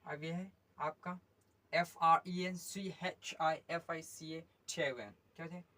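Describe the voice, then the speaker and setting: A man teaching English pronunciation. He spells each word letter by letter, repeats it slowly and stretched, and explains patiently with many okays. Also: a little high, fairly even intonation, bright, forceful tone. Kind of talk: pronunciation lesson.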